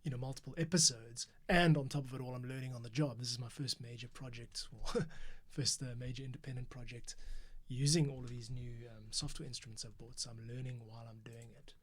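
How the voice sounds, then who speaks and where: A man's voice: mid-range voice, fairly quick, few pauses. A man composing for an audio drama, casually thinking aloud and explaining his steps during a livestream from a home studio. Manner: relaxed, thinking aloud, self-correcting.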